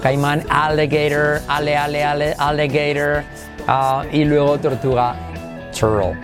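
Playful teacher drilling English words. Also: male voice, a little high, monotone, music in the background. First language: Spanish. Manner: playful, repeats words slowly to drill pronunciation. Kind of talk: podcast lesson.

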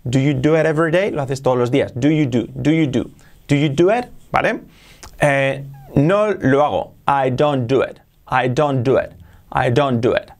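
A man with a native Spanish voice explains English grammar to learners in a relaxed, informal way. He slows down and repeats each English example sentence several times. His pitch sits in the middle for a man. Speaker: English teacher.

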